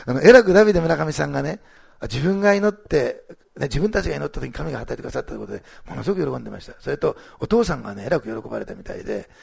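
A man's voice: medium pitch, creaky, breathy edge. A middle-aged male pastor giving church announcements and sharing a testimony, rambling with many fillers and restarts.

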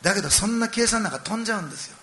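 A man's voice: high voice, rapid-fire. A middle-aged man preaching a sermon, telling a story with animation and speaking straight to his listeners. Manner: animated storytelling, acting out quoted lines and addressing listeners directly. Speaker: pastor.

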